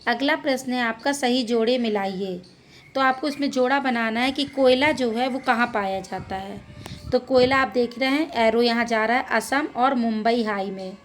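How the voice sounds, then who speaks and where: A woman's voice: a little high, normal speed, slight background noise. A woman teacher explaining a school geography lesson, reading each question and answer and then repeating it in simple words.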